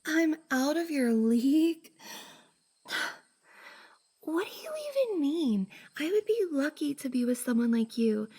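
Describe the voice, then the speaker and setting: In an intimate roleplay ASMR drama, a woman plays a shy, flustered young cosplayer who sounds surprised and tender. Her warm voice sits high with a sing-song, measured delivery, hesitant and breathy, often sighing and falling to a whisper.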